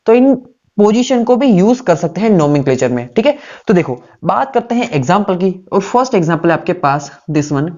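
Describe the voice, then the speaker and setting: A man's voice: high-pitched, sing-song, normal speed, darkish tone, highs cut off. A male teacher giving a classroom lecture, asking questions aloud and answering them himself while repeating the key terms.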